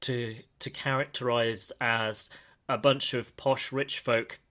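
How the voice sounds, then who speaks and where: Bright-voiced man hosting a podcast. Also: medium pitch. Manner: halting, many restarts, animated asides. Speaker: podcast host. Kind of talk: casual podcast chat.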